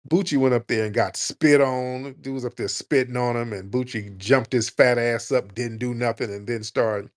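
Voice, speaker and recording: Speaking at a normal speed, this call-in show host is animated, blunt and profane. He sometimes ridicules people by switching to a high, fake voice.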